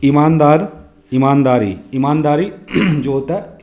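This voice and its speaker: A man leads a grammar class for exam prep, with a voice that is a little hoarse and an occasional throat-clear. He poses every question out loud, then answers it and repeats the answer. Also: fairly high pitch, slow pace. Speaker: teacher.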